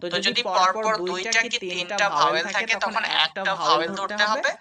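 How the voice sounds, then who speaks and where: A man teaching English reading to students, spelling out letters and repeating each word slowly. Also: high-pitched, a loud crowd. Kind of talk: spoken lesson, spelling out words.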